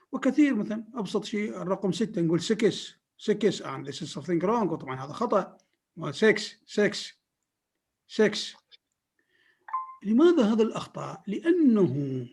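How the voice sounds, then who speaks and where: A man whose first language is Arabic, giving an online phonetics lecture in English and Arabic, slow and repetitive as he drills words and definitions. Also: high-pitched, warm tone, slightly rough.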